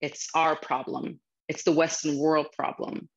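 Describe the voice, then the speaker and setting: A woman's voice: deep voice, little pitch movement, unhurried. A woman in her thirties with a Ukrainian accent, speaking earnestly and from the heart as a guest speaker over a video call from a small office. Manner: earnest, heartfelt, slightly non-native phrasing. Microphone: video call webcam. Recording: slightly muffled video call audio.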